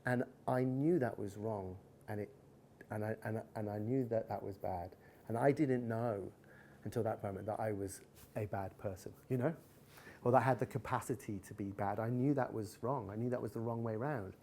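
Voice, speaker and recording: Guy telling stories to a room, candid and lively, bit of background hum. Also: lowish voice, moderate pace. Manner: candid storytelling, animated retellings. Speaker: guest speaker. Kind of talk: live talk with audience chat.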